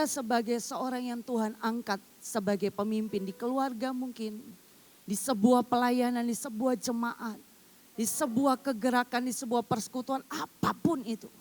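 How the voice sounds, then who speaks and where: A middle-aged woman evangelist preaching a sermon, calling her listeners brother and sister and swinging between loud emphatic lines and hushed storytelling. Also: a little high. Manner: addresses the congregation as "saudara", acts out quoted voices.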